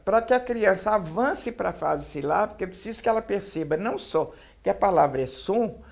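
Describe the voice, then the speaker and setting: A woman giving a measured explanation about early literacy. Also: mid-range voice, expressive, gravelly, darkish tone, slight background noise. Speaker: narrator.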